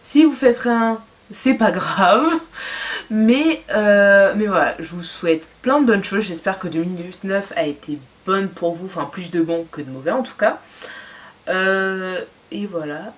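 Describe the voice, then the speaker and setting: A woman's voice: medium pitch, unhurried. Chatty, enthusiastic young woman vlogger. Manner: enthusiastic, chatty, with frequent fillers. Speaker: fashion and beauty vlogger. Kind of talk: casual haul video chat.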